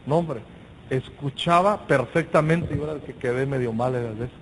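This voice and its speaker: Animated Mexican man preaching. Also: mid-range voice, fairly quick, slight background noise, low-quality recording. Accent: Mexican Spanish. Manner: animated storytelling with shouted exclamations and slang. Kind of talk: sermon with personal story.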